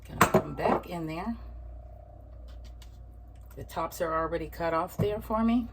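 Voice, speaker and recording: A woman's voice: lowish voice, measured pace. A woman casually narrating her home cooking vlog, thinking aloud in an informal way. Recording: noisy home recording with clicks.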